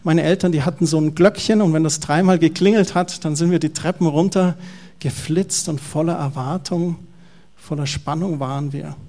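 A man's voice: a little high, moderate pace. A middle-aged male pastor with a Bavarian German accent, preaching a sermon and asking the congregation questions. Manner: lively storytelling, asks the congregation questions.

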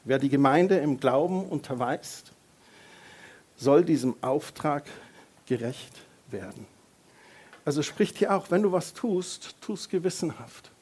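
A middle-aged man preaching a lively sermon as a pastor, joking with the congregation and raising his voice for emphasis. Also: a little high, unhurried, husky. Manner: lively, varies loudness for emphasis, jokes with congregation.

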